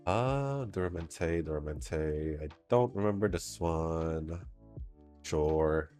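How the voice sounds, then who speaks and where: Speaking at an extremely low pitch and a slow pace, this gaming channel host talks casually over his gameplay, nose clearly congested. He rambles and laughs between remarks as faint game music plays in the background.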